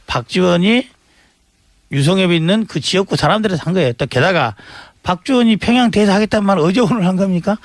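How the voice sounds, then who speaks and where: A man's voice: high voice, dry recording. A man who is a campaign spokesman in a mock debate, defending himself and laughing things off. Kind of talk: political debate talk.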